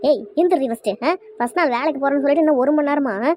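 A woman's voice: high-pitched, mellow, dry recording, close to an everyday voice. Bossy cartoon mom, played by a woman, scolding, dry close sound, Kanyakumari Tamil accent. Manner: scolding, rapid-fire. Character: nagging mother, bossy and quick-tempered.

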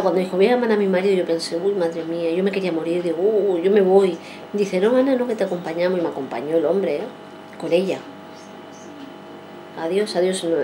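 With a dark-toned, mid-range voice, a forties-aged woman vlogger tells her viewers a lengthy story. She wanders, says things more than once and performs other people's quoted words, over a faint hiss or hum.

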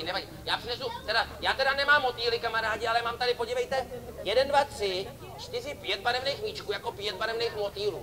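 A man performing as a street clown for children at an outdoor summer festival, joking and teasing volunteers from the audience. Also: very high-pitched. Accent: Czech. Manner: playful, teasing banter with kids and audience. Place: outdoor festival stage before a crowd. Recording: lively crowd behind.

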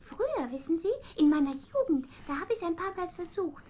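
A woman's voice: extremely high pitch, very animated, a little fast. A woman voicing a proud, condescending talking tomcat in a radio play, speaking in a haughty, lecturing way. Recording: dull lo-fi radio play recording.

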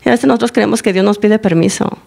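Gravelly woman giving a church testimony. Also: medium pitch, quick pace. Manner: animated storytelling, acting out dialogue. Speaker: church member giving a teaching. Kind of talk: testimony sermon to a congregation. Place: church service, recorded live.

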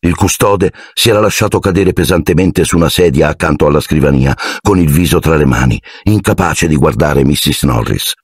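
A man reading an audiobook aloud in scripted, expressive storytelling narration. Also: a bass voice, brisk, hardly any pauses, husky, no room sound, studio quality.

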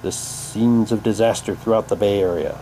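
A man with a warm, fairly low-pitched voice talks at a moderate pace while unboxing something on his hobby vlog. His commentary is unscripted and repetitive, sometimes read aloud, and the handheld camera mic used indoors leaves slight background noise.

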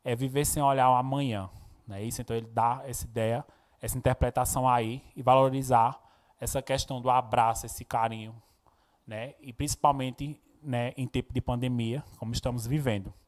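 A man with a Brazilian accent from the Northeast, speaking at a middling pitch as he teaches a recorded Portuguese lesson. He explains patiently and often checks in with his students. He reads poems aloud with expressive intonation. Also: a little fast. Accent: Brazilian Portuguese, Pernambuco. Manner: explanatory, frequent tag questions, expressive when reading poems. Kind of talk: recorded classroom lesson with poem readings.

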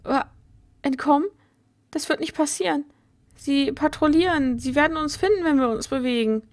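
A woman's voice: high voice, normal speed, a little mellow. A woman voicing a bossy, bratty young girl with a haughty, snappish way of talking, reading game dialogue aloud. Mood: grim.

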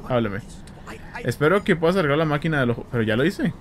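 Man, Central American Spanish accent, excitable gameplay chatter, lively pitch, faint background hum. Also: fast talker. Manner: excitable, chatty, makes blaster sound effects. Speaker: gameplay streamer. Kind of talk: casual let's-play commentary.

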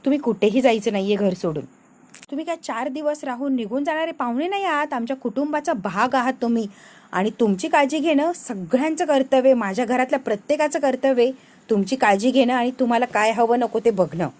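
A woman reading the lines of a patient, motherly head of a household who gently coaxes the family. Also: high voice, animated, brisk. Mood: coaxing. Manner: gentle, coaxing.

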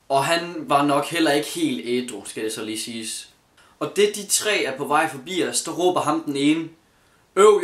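A man's voice: medium pitch, a bit bright. Earnest young man, echoey room. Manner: earnest, hesitant, many fillers and restarts. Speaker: YouTuber telling a story. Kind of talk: casual story time vlog.

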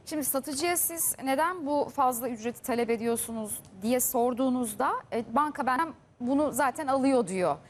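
A woman's voice: sits high, fairly quick, hardly any pauses, a little hiss or hum. A woman presenting TV news, pressing her guest with questions on behalf of viewers. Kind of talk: TV news interview. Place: TV studio.

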